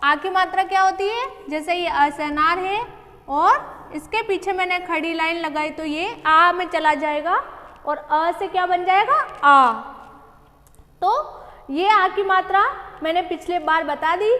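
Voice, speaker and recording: Slow, patient high-voiced woman teacher. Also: sharp tone, long reverb tail. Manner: slow, patient, asks questions and answers them herself. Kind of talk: online Hindi lesson for young children.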